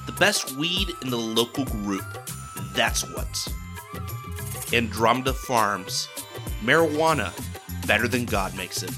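Disembodied brain in a jar voiced by a guy, sly showman hosting creepy audio stories, mid-pitched, music playing under him. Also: lively intonation, takes it slowly, long pauses. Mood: salesy. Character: disembodied brain in a jar, male host of eerie tales. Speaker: host. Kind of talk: scripted podcast narration.

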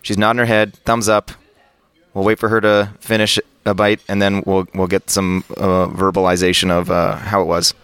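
A man's voice: deep voice, completely flat delivery, normal speed, a bit bright, clean tone, dry recording. A man hosting a podcast, interviewing people live at a conference in an upbeat way, often repeating words. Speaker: podcast host. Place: busy conference venue.

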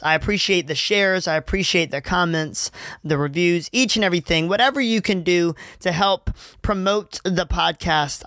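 A man's voice: fairly high pitch, a bit bright, dry recording, clean studio sound. Earnest young man hosting a faith podcast. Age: 20s. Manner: earnest, rambling, many fillers and restarts. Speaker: podcast host.

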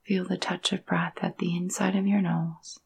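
Hushed and soothing, a woman with a lowish voice guides a yoga nidra meditation, leaving long pauses between phrases. Her tone is soft and breathy, creaking gravelly at the edges, with quite even, gentle intonation.

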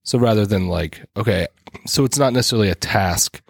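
A man co-hosting a casual church podcast, explaining ideas and citing scripture between quick laughs. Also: lowish voice, gravelly, slightly rough, dry recording, studio quality. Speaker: podcast co-host. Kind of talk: casual chat about church.

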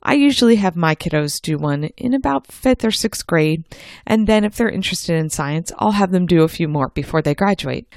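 Upbeat woman hosting, with creaky low-pitched voice. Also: expressive, moderate pace, a little mellow, dry recording, clean studio sound. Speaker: host of a homeschool science show. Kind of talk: scripted podcast narration, instructional.

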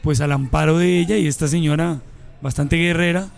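A Colombian man in his forties, a guest telling stories from his life in a relaxed, casual interview. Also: a little high, a little fast, gravelly, faint music behind. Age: 40s. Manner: relaxed storyteller, mixes local slang.

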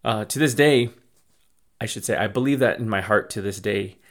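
A man's voice: on the low side, normal speed. A man hosting a podcast, giving a casual, rambling life update full of thanks, often restarting and repeating himself. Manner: effusive and grateful. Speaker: podcast host and small business owner.

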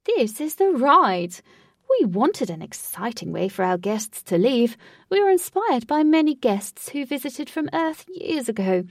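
A woman reading a storybook, voicing a smug, theatrical male host who speaks slowly and grandly. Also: sits high, sing-song, no echo, studio quality, recorded from a distance, voice pushed up, exaggerated voice. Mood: grandiose. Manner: slow, drawn-out, lofty phrasing.

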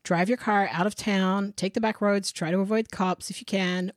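A woman's voice: mid-range voice, steady tone, moderate pace, no echo, studio quality. A woman co-hosting a true crime podcast, narrating case details and bantering in a blunt, sarcastic way. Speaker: podcast co-host.

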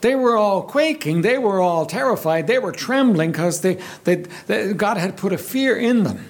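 A man delivers a sermon in an earnest, searching way, often doubling back on his words. His voice has a slightly husky edge. His pitch swings widely as he speaks. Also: lively intonation, moderate pace. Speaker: preacher.

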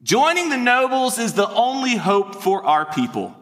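A man's voice: very high voice, big pitch swings, moderate pace, fairly bright tone, pitched above the performer's own voice, full character voice. A man acting out a determined medieval male rebel leader, urging his men in a sermon. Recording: long hall reverb.

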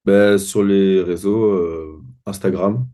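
A man talks as an interview guest in a low voice, humble and a little hesitant. He often pauses to think before finishing his sentences. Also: fairly even intonation, dark tone. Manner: modest, hesitant, many "euh"s. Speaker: guest athlete. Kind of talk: casual interview chat.

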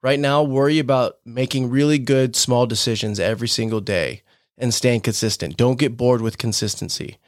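A man's voice: mid-range voice, normal speed, dry recording, clean studio sound. A man hosting a podcast, giving an emphatic, exhorting motivational pep talk in conversation, repeating phrases for force and swearing casually. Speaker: podcast host.

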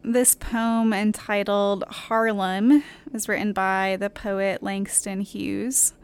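Clear-voiced woman speaking at a slow pace. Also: medium pitch, little pitch movement. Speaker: podcast co-host. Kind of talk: reflective podcast talk and poem reading.

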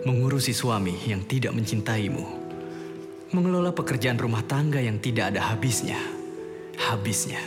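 A man's voice: medium pitch, natural voice. Man acting an earnest lovelorn suitor over music. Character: earnest, lovelorn, stubborn man pleading with former love. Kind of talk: radio drama acting.

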